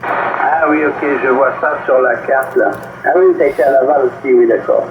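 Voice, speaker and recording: An older man from Brittany in northwest France calls in over CB radio, chatting amiably with a French accent at medium pitch and normal speed. The reception is muffled, noisy, and roomy, with radio static underneath.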